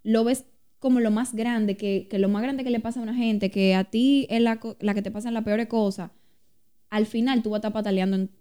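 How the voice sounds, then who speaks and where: Woman, mellow dark tone, reflective, asks questions. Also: fairly high pitch, steady tone, a little fast, clean tone. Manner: reflective, asks questions, shares personal experience. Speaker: podcast co-host. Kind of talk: casual faith talk.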